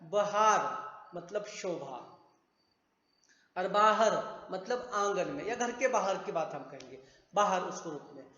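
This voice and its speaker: Teacher, male, high voice, patient explainer, roomy classroom echo, dull lo-fi sound. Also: expressive, moderate pace, fairly bright tone. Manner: patient, repeats and spells out sounds. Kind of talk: grammar lesson at a board. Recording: echoey room, dull sound.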